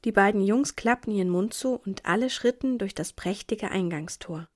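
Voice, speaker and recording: A woman narrating a children's Christmas story in a calm, gently expressive way. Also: mid-range voice, normal speed. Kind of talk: storybook reading.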